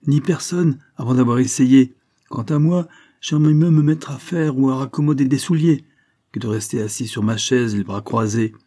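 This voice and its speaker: A man voicing a sharp, scolding spinster sister-in-law who contradicts everything. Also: fairly low pitch, flat delivery, a little fast, few pauses, lightly acted. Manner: sour and contradicting.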